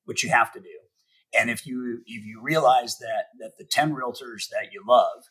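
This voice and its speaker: A middle-aged man giving motivational sales advice as a podcast guest, speaking emphatically and slowing down to stress his key points. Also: medium pitch, a bit bright, breathy edge, low-quality recording. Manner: emphatic, spells out acronyms slowly, acts out sample calls. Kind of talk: podcast interview, motivational teaching.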